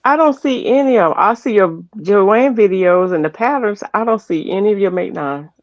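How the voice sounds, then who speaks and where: A woman's voice: medium pitch, expressive, moderate pace, no room sound, muffled recording. A woman guest in a casual chat, responding easily and laughing along.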